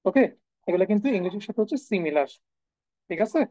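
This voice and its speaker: A woman's voice: mid-range voice, expressive, fast, warm tone, no room sound, poor audio. A woman teaching a live online class, repeating each sound several times and answering her own questions. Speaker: German language teacher. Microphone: video call.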